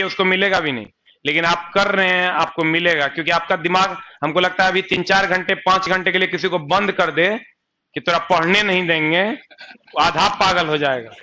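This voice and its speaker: Young male coaching teacher, bright lively tone, chatty lecture, dull lo-fi audio. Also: on the high side. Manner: chatty, asks students rhetorical questions, slips into local dialect. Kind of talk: live online exam-coaching lecture.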